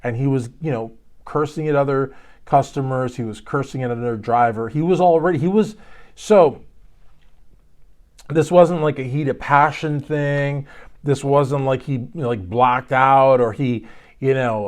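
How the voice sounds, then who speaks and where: A man's voice: mid-range voice, normal speed. Man, from Kentucky, YouTube host, casual commentary, rambling, joking asides. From Louisville, Kentucky.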